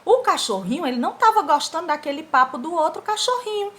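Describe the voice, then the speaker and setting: A woman's voice: extremely high pitch, fast talker. A woman teacher giving an online lesson to schoolchildren, asking the pupils rhetorical questions as she explains. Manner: animated, talks directly to pupils with rhetorical questions.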